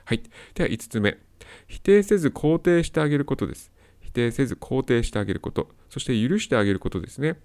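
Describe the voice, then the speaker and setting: A man's voice: mid-range voice, animated, quick pace, darkish tone, clean tone. A man hosting a solo advice talk, explaining step by step and repeating his key points. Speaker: host of a self-help audio talk.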